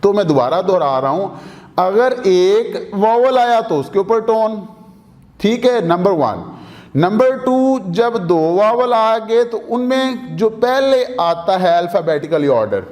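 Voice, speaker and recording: Slow-speaking man teaching with Urdu accent. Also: sits high, a little mellow, long reverb tail. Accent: Pakistani Urdu. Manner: addresses students directly, repeats rules, asks questions. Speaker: language teacher. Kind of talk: explanatory lesson.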